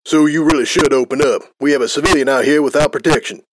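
A man's voice: a little high, quick pace, dry recording, close to an everyday voice. A man voicing a chatty male pony soldier captain who explains things in an offhand, rambling way. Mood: insistent.

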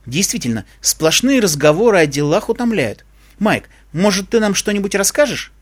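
A man's voice: high-pitched, sing-song, normal speed. A man voicing an earnest, bookish young female unicorn in an audiobook, questioning and indignant. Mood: calm.

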